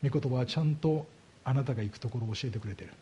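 A man's voice: mid-range voice, mellow, dull audio, a little hiss or hum. A man preaching a sermon as a pastor, explaining scripture and asking his congregation rhetorical questions. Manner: slows down heavily on key words.

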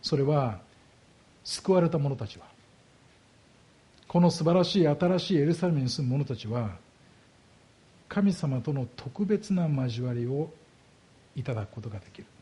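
Warm-toned, husky male preacher. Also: on the high side, expressive. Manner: expository preaching, rhetorical questions to the congregation; slows down heavily on key words. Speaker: pastor. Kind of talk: sermon.

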